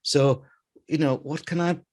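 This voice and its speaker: A man hosting an interview, agreeable and supportive, telling a story with halting restarts. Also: a little high, steady tone. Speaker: host. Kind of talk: casual interview chat.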